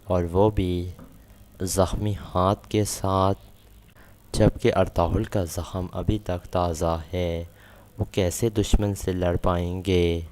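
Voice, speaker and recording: A man's voice: sits low, flat delivery, darkish tone, lightly acted. A man voicing a grieving, angry pregnant young wife, reading her lines plainly in his own voice. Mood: angry grief. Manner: plain read-out of a quoted line.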